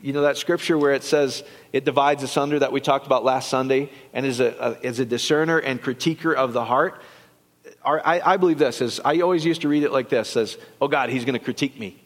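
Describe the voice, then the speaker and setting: A man's voice: mid-range voice, brisk. A man preaching a casual, rambling sermon, talking to the congregation with many restarts and quoted asides. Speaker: pastor. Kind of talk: conversational sermon. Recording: long hall reverb.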